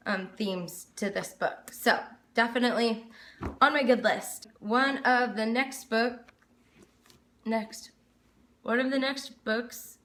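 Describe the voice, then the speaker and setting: A woman's voice: medium pitch, fairly bright tone. A woman chatting casually and informally to camera as a book reviewer, rambling a little, recorded in an echoey room. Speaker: book reviewer, video host.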